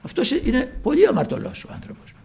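A man preaching a sermon with fervour, his phrases often sinking to a hushed, low close. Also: sing-song, gravelly.

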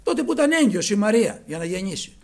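A man preaching a sermon to his congregation with passion, dropping to a hush and then rising to loud exclamations. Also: high-pitched, very animated, gravelly. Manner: impassioned, swinging from hushed to loud.

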